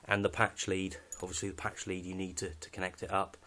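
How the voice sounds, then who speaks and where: A British hobbyist gives an unscripted, casual walkthrough of his radio kit, matter-of-fact and a little hesitant. His voice sits low and monotone yet bright and forceful, with a brisk pace.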